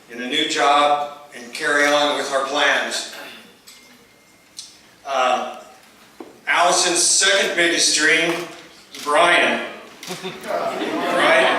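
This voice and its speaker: A middle-aged man giving a father of the bride toast at a wedding, speaking haltingly in short phrases. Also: on the high side, pushed and bright. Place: large room at a wedding reception. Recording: echoey, noisy reception room, far from mic.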